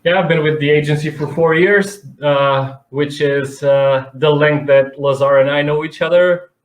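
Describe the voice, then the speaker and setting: A man's voice: a little high, fairly even intonation, measured pace. A man from North Macedonia, speaking conversationally as an expert guest in an interview. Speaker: interview guest, advertising director. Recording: echoey room sound.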